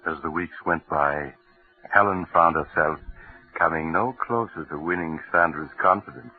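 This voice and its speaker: An actor playing a grave storyteller, narrating a radio drama in a solemn, measured way. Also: male voice, extremely low pitch. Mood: solemn, ominous. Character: grave male storyteller of a domestic suspense tale. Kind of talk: scripted narration, mid-century radio drama. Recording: tinny old radio recording, music behind. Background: faint music.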